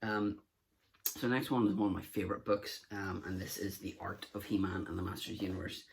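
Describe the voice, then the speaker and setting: A man's voice: sits low, flat delivery, fairly quick, gravelly, a little hiss or hum. A man hosting a collector vlog, talking casually and rambling through his books. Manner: rambling, with many fillers and restarts. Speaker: collector video host. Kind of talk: casual show-and-tell vlog.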